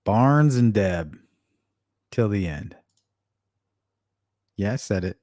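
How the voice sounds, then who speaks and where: A man with a lowish, mellow voice hosts a relaxed late-night stream. He teases his viewers, jokes, and swears casually. The sound is close and dry, with no room echo. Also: takes it slowly. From Arizona. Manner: joking, teasing, profane. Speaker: live stream host.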